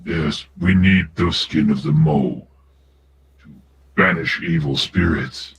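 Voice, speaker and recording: A deep-voiced orc chieftain. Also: male voice, slow pace, vocal fry, heavily acted. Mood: grave. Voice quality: broken, simple grammar. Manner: blunt, grave. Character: gruff male orc war-party leader, adult. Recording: steady background hiss.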